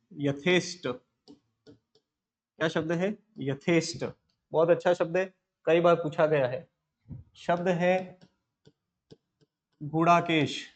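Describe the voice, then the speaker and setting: Guy with a high voice teaching hindi grammar, keeps repeating each word slow for notes, kinda dull lo-fi sound. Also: darkish tone. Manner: repetitive, asks and answers himself, slow dictation. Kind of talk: classroom lesson dictating words.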